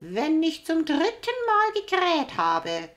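Woman as a loud, high-pitched golden rooster. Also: huge pitch swings, faint music behind, exaggerated voice. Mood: crowing. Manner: loud, drawn-out calling down. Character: proud golden rooster on a church tower, male.

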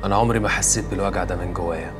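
A man with an Egyptian Arabic accent playing a flirtatious teacher who talks in a soft, persuasive way. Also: low-pitched, fairly even intonation, racing, music in the background, natural voice. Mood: coaxing. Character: male teacher, smooth and flirtatious.

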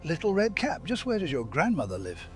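A man's voice: a little high, wildly swooping pitch, fairly quick, faint music behind, pitched above the performer's own voice. A man doing a sly, hungry storybook wolf. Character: big bad male wolf, sly and hungry.

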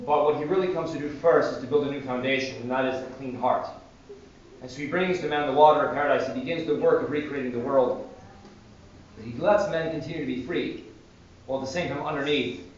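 A male priest giving a sermon in a church, telling stories with animated energy. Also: mid-range voice, a little hiss or hum. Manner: animated storytelling. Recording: distant echoey church, dull sound.

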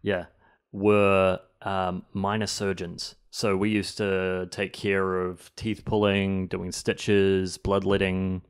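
A young man, a barber guest, chatting enthusiastically in a podcast interview in a small home studio on a boom mic. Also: monotone, slow, clean tone. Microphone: studio boom mic with headphones.

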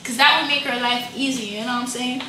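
A woman's voice: fairly high pitch, fairly even intonation, fast talker, far from the mic. A young woman co-hosting a food vlog in a casual, slangy, laid-back way. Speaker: vlog co-host. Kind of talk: casual chat. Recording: echoey room, off-mic, background noise.

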